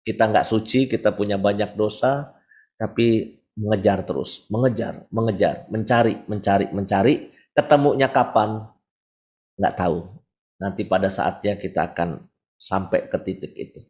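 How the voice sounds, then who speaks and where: A man's voice: lowish voice, normal speed, a little mellow. A man in his forties, a priest giving a frank, conversational sermon to a congregation with everyday examples. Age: 40s.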